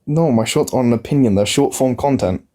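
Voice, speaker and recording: A man's voice: mid-range voice, fast, dark tone, a little hiss or hum. A young man in his early twenties in a casual live-stream debate, pressing the same question over and over with stumbling restarts. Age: young adult. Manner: insistent, repetitive, stumbling restarts. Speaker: livestream guest.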